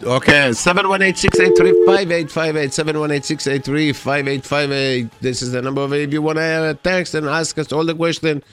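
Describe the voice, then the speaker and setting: A man's voice: on the high side, steady tone, normal speed, few pauses. Male radio host over background music. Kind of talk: casual community radio announcements.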